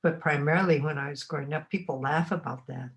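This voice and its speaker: An oral history interview captures a Montana woman in her eighties looking back on her life. Her deep voice moves unhurriedly and reflectively, often pausing while she searches for words.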